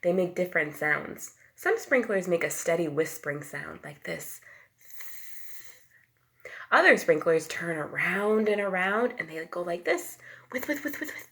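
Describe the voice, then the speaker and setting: Here a woman teacher reads aloud to small children in an animated, lowish voice at a measured pace. Sound words become whispers or loud calls, and she poses questions to her listeners and explains in simple terms.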